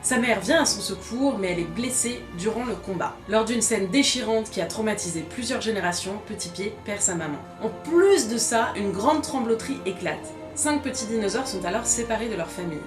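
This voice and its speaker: A woman hosts a film review vlog, mixing scripted narration with casual chat in a conversational, explanatory style. Her medium-pitched voice is lively and fairly quick, picked up by a distant mic in a roomy space with faint music behind it.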